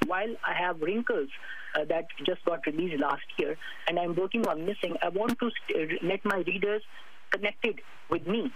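A high-voiced man with a Pakistani accent speaks as a guest author in a radio interview. He promotes himself, repeating phrases and naming himself in the third person. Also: fairly bright tone, poor audio.

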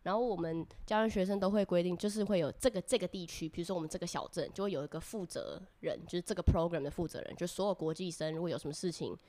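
A young woman from Taiwan with a Taiwanese Mandarin accent, chatting as a podcast guest, animated and talkative, laughing often. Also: fairly low pitch, quick pace, few pauses. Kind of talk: casual chat.

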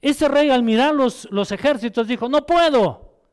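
A man preaching a sermon as pastor, asking the congregation questions and voicing quick quotes. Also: extremely high pitch, clear, resonant tone.

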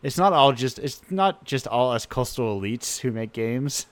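A man's voice: medium pitch, expressive, moderate pace. A man hosting a radio show, talking in an enthusiastic, rambling way with many restarts. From United States. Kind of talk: casual chat.

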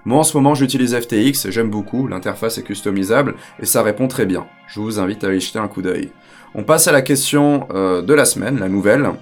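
A man's voice: on the low side, a little fast, faint music behind. A man hosting a weekly crypto news bulletin to camera, delivering headlines with joking asides in an upbeat presenter manner. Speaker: crypto news show host.

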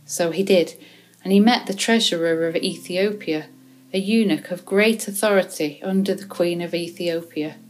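Woman reading scripture in a low, measured voice. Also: low-quality recording. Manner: measured, even reading with small self-corrections. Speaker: scripture reader. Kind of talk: reading a Bible chapter aloud.

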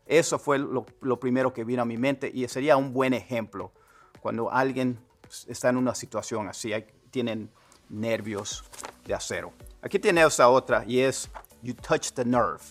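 A man, a native Spanish speaker, teaching English phrases, repeating words slowly so learners can copy them. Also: mid-range voice, a bit bright. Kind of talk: Spanish-language English lesson.

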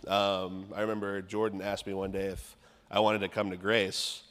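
Deep, flat-voiced young man in a reverberant church. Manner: halting and rambling, full of fillers. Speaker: church member giving a baptism testimony. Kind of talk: personal testimony. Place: church sanctuary.

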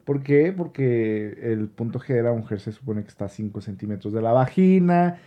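A man's voice: mid-range voice, expressive, normal speed, muffled recording. A young man with a Mexican Spanish accent, co-hosting a casual podcast chat. He jokes, laughs often and uses crude slang. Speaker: podcast co-host.

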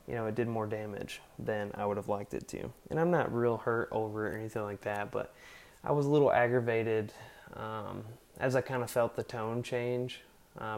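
A man's voice: mid-range voice, darkish tone. Earnest rambling man hosting a faith podcast. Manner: rambling, filler-heavy and earnest. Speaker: podcast host. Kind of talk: casual faith podcast monologue.

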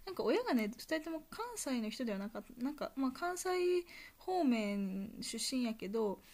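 A young woman with a Kansai accent, talking casually on her own podcast in a soft, rambling way full of fillers. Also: on the high side, sing-song, moderate pace. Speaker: podcast host. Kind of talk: casual solo monologue.

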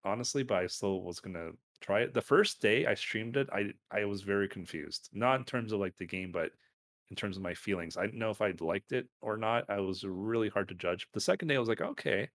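Low-voiced man chatting casually. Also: brisk, fairly bright tone. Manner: rambling, filler-heavy, self-correcting. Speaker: podcast co-host. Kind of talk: casual chat about games and anime.

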